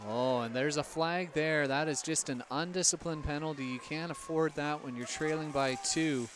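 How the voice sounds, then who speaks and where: Relaxed male color commentator. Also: fairly high pitch, moderate pace. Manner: relaxed, analytical, jokes with partner. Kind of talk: live sports commentary. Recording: noisy outdoor ambience behind the mic.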